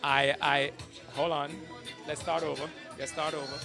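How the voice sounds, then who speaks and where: A man's voice: on the high side, flat delivery, moderate pace, gravelly, a crowd in the background. A man in his sixties from Jamaica, an award honoree and radio producer, talking earnestly in an event interview and repeating words as he searches for them. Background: music.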